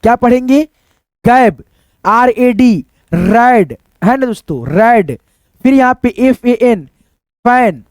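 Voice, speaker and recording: A man's voice: very high-pitched, expressive, takes it slowly, pauses often, no room sound. A man teaching English phonics, spelling out letters and repeating each word, asking the class and answering his own questions. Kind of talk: phonics lesson at a whiteboard.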